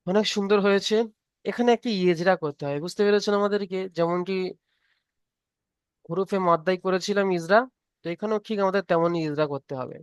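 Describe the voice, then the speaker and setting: A man's voice: high-pitched, fairly even intonation, brisk, clean tone, no room sound, clean studio sound. A man teaching Quran reading in an online class, patient and repetitive, often checking that students follow. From Bengal. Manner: patient, repeats each point and checks understanding.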